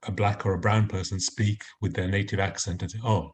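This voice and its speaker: A man's voice: deep voice, little pitch movement, a little fast, slight background noise. A man from Nigeria speaking earnestly as a panelist in an online discussion, restarting phrases as he makes his points.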